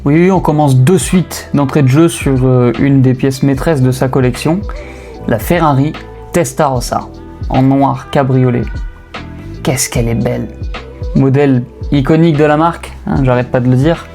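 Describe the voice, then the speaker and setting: A man's voice: mid-range voice, steady tone, moderate pace, warm tone. A young man hosting a car channel, talking in casual, joking, slang-filled voice-over with hesitations. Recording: faint music bed behind voice. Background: faint lofi music.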